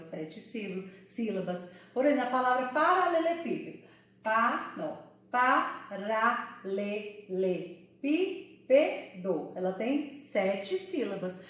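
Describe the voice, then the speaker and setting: A woman teaching a Portuguese lesson for children, sounding out words slowly syllable by syllable. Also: fairly high pitch, very echoey, distant mic. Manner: slow, syllable-by-syllable explaining.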